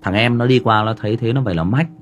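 A man hosting a livestream tells a family story at a quick pace, his mid-range voice carrying a Northern Vietnamese accent. The story comes out casual and rambling, thick with fillers, with slight background noise in the clip.

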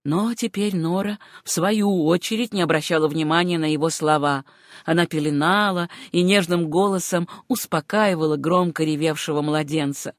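A narrator reading a novel aloud with even, measured delivery. The voice sits at a middle pitch, and the recording is dry and close with no room sound. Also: no echo. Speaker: audiobook narrator.

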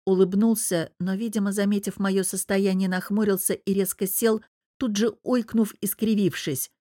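A woman narrating a novel in the first person as an audiobook, with a measured, even reading. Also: medium pitch, no echo, clean studio sound.

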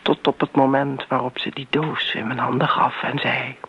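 In a radio play, an actress portrays a bitter middle-aged daughter defending her mother, sounding pointed, reproachful, accusing, and defensive. Her voice is extremely low-pitched and level, at a moderate pace. The old radio recording is muffled, with background hiss.

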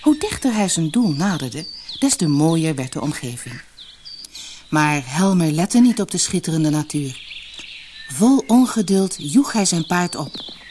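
A woman narrating a fairy tale audiobook in an expressive storytelling manner. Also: deep voice, measured pace, a little hiss or hum. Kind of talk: fairy tale read aloud.

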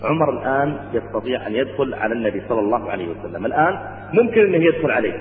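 A man's voice: medium pitch, sing-song, racing. A man preaching a sermon, retelling a story with dramatic acted-out quotes. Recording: echoey hall on a tinny, lo-fi line.

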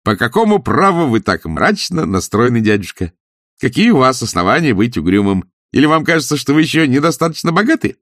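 In a clean, dry studio recording, a man voices a cheerful young nephew, pitching above his own natural voice. The character speaks up in a raised, exclaiming, earnest tone with a sing-song lilt, at medium pitch and moderate pace.

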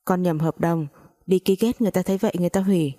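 A woman's voice: lowish voice, very fast, dark tone, close to an everyday voice. A woman voicing an irritable, spoiled young husband in a spoken story. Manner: irritable and complaining.

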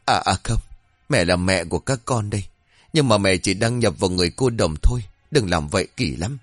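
A man voicing a greedy fake village medium woman who bosses people briskly and fakes a dead mother's voice. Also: on the low side, animated, no room sound, faint music behind. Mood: annoyed. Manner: brisk and bossy, then feigning a dead mother's voice.

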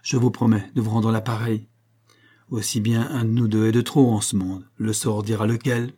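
A man's voice: on the low side, flat delivery, normal speed, dark tone, husky. Man doing a coldly taunting vengeful husband. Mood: ironic. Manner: taunting, ironic. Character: cold scheming vengeful husband, adult man.

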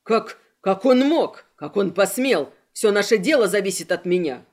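A woman voicing a panicky, pompous young male mage who shouts in frantic bursts. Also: fairly low pitch, expressive, moderate pace, pitched below the performer's own voice, close to an everyday voice. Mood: frantic, indignant.

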